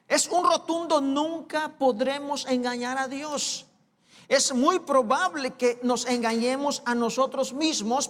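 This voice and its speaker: A man preaching a sermon as pastor, asking slow rhetorical questions of the congregation. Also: very high voice, fairly bright tone. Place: church sanctuary. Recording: long hall reverb, live church recording.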